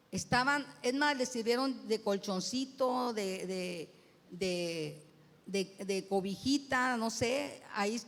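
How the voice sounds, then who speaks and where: A woman pastor delivers a sermon at an unhurried pace. She retells the story conversationally, doubling back and repeating words as she goes. Her voice carries a long, lingering reverb from the church sanctuary. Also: on the high side. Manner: storytelling, with repetitions and restarts.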